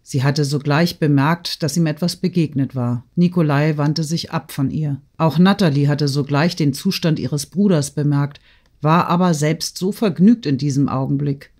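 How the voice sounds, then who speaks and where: Measured male audiobook narrator. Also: fairly high pitch. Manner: measured, even literary reading. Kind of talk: scripted narration.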